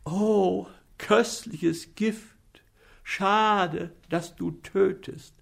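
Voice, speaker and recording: A man's voice: high voice, slow pace, vocal fry, voice pushed up, exaggerated voice. A man voicing a whiny, gluttonous young male servant in a storybook reading, plaintive and pleading. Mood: mock-dying.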